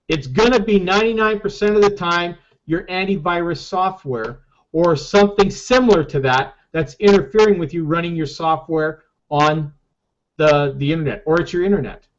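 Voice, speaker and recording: A man leading a casual group call as a marketing team leader, emphatic and repeating "okay?" often, over dull lo-fi call audio. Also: high-pitched.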